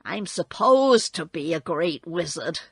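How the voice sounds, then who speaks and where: A woman's voice: fairly low pitch, lively intonation, unhurried, husky, no room sound, pitched below the performer's own voice, full character voice. A woman voicing a meek, pleading little old man with a trembling voice, a humbug wizard in a storybook. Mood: meek, confessing. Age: older.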